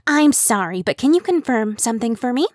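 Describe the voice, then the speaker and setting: A squeaky, high-strung young woman frets and apologizes her way toward indignation, as a woman narrator puts her on. The voice sits noticeably higher than the reader's own, and the recording is dry and close. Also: sing-song, brisk, no echo. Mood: fretful. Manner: fretful, apologetic, rising to indignant. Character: anxious, rule-bound young woman committee organizer.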